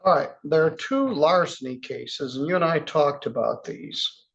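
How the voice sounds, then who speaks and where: Man, judge on the bench; gravelly, unhurried, plainspoken, recorded on dull courtroom audio. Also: a little high. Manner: measured, plainspoken, chatty asides. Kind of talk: courtroom proceedings.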